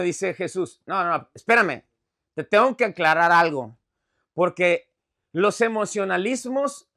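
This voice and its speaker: A man preaching a sermon in an animated, conversational way, often asking the congregation if they follow. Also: high voice. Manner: animated, conversational preaching with frequent check-ins. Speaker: pastor.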